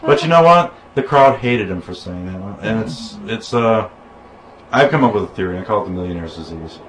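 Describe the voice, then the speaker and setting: A man's voice: fairly low pitch, expressive, brisk, poor audio. A man from the United States in casual conversation, telling anecdotes in a rambling way with restarts and quoted dialogue.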